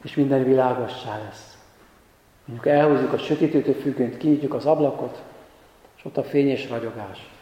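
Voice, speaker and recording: A man preaching a sermon as pastor, alternating impassioned emphatic exhortation with calm, quiet passages. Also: medium pitch. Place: church. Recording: very echoey church hall.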